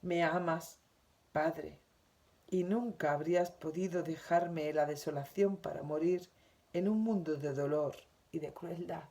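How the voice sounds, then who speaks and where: Una mujer con acento de España que lee y comenta una lección espiritual diaria, con tono suave, sentido y reflexivo. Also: female voice, deep voice, steady tone, unhurried, mellow. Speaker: spiritual teacher. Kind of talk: reading and commenting on a daily spiritual lesson.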